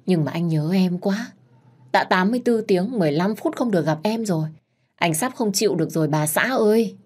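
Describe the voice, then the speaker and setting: A woman's voice: fairly low pitch, animated, fairly quick, darkish tone, husky. Woman voicing a clingy lovesick young man. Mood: pleading. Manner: pleading, whining.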